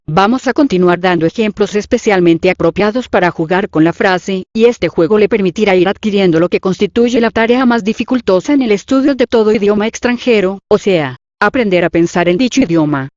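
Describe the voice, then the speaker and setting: A woman reading out the instructions and numbered items of a language exercise, in a measured, even dictation. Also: medium pitch, dry recording. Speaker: lesson reader. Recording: dull dry lo-fi audio.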